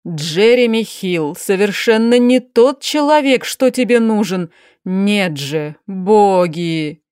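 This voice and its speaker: A woman voicing a weary, imperious aristocratic aunt, a duchess, in an audiobook, speaking in drawn-out, exasperated, emphatic tones. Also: mid-range voice, animated, a little mellow, smooth, no echo, studio quality. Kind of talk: audiobook character voice.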